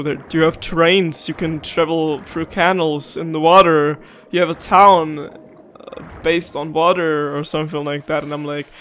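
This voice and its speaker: A man's voice: a little high, fairly bright tone, slight background noise. Chatty man rambling over gameplay. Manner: rambling, chatty, easily sidetracked. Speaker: gameplay video host. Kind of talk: casual gameplay commentary.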